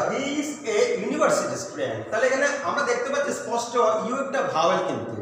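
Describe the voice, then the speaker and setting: A man from Bangladesh with a high voice teaches an English grammar lesson, patiently repeating words and checking that his students follow. He is picked up from a distance in a strongly echoing room, with a long reverb tail and faint background ambience. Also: fairly bright tone, slight background noise. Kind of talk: recorded classroom lesson. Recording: echoey room, mic far off.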